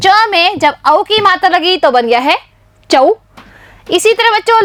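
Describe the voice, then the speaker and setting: A young woman teaching a primary class, sounding out letters and syllables slowly in a sing-song way so young children can repeat. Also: very high-pitched, a bit bright, no echo. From India.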